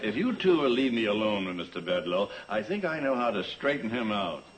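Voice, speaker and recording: An actor playing a polite, quietly self-assured male hobo in a 1960s television sitcom. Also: fairly low pitch, very animated, fairly quick, a crowd in the background. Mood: calm, polite. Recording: noisy old television soundtrack.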